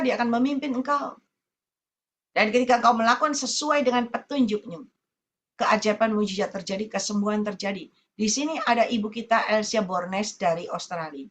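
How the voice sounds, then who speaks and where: A woman's voice: fairly high pitch, a bit bright. A woman evangelist preaching a sermon to an online meeting, colloquial and repetitive, stressing points by saying them again.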